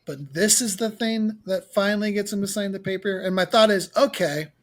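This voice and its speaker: A man's voice: high voice, moderate pace, fairly bright tone. A man co-hosting a podcast, ranting emphatically about a film with some profanity. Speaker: podcast co-host. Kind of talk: casual film-review chat.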